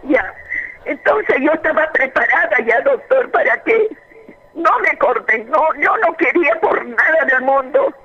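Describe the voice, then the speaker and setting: A woman's voice: high-pitched, animated. Woman caller on a muffled phone line. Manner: fervent, repetitive, halting storytelling. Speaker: radio call-in caller. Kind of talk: emotional personal testimony. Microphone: telephone.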